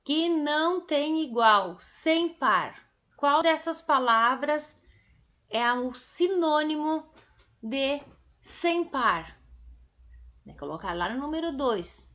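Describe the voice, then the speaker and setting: Brazilian woman teacher, high voice, unhurried lesson for kids. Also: expressive, pushed and bright. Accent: Brazilian Portuguese. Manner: slow, drawn-out and didactic, stretching words for emphasis. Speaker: primary school teacher. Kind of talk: recorded remote lesson for children.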